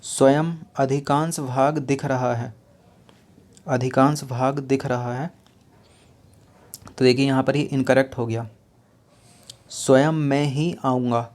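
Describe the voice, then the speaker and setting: Man, exam-prep teacher, level even delivery, patient explaining, repeats answers, rhetorical questions. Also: mid-range voice, slow pace, long pauses. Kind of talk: exam-prep lesson going through spelling questions.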